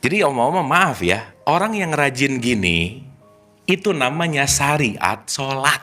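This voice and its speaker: A man's voice: medium pitch, very animated, measured pace, sharp tone, faint music behind. A man leading a casual religious study talk, playful and teasing, slipping in English words. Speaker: spiritual teacher.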